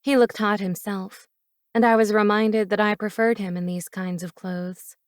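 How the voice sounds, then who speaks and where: A woman giving first-person romance audiobook narration in an even, measured way. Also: mid-range voice, dry recording, clean studio sound.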